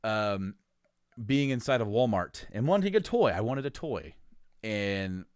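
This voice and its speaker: A man co-hosting a podcast, telling stories about his father in a casual, animated way and often laughing. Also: a little slow, smooth, no echo, studio quality. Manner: animated, laughs often, reenacts quotes in a high voice. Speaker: podcast co-host. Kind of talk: casual storytelling chat.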